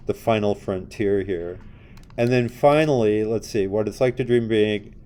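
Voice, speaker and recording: A man's voice: lowish voice, warm tone. A man teaching a design class, talking casually and asking his students questions as he works. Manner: conversational, asks the class questions. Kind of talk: classroom lecture with screen demo.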